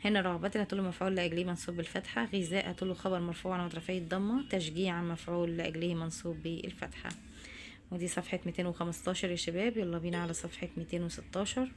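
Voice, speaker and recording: A woman with a fairly low, steady voice races through her words against slight background noise. A teacher with an Egyptian Arabic accent, she addresses students directly as she walks them through their homework answers.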